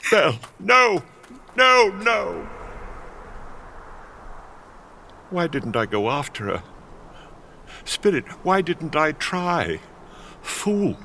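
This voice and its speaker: An actor playing Scrooge, an anguished old miser, dramatic and halting, in a radio play. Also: male voice, fairly high pitch, sing-song, creaky, sharp tone, a little hiss or hum, heavily acted. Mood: regretful. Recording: music behind the voice.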